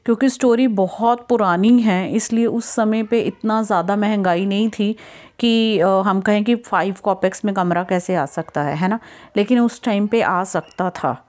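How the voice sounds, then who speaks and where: A woman tutor talking through a school story for exam prep. She switches between Hindi and English, reads the English lines slowly, then explains them at an even pace. She keeps checking that her students are following. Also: mid-range voice. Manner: checks in with listeners often ("theek hai"). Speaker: English teacher.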